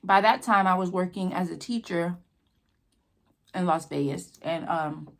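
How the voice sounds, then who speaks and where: An American woman with a slightly low voice chats casually as she tells a personal story. She takes her time, rambling along very slowly with halting pauses. She talks between bites, at times with her mouth full. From New Mexico, United States. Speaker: vlogger telling a personal story while eating.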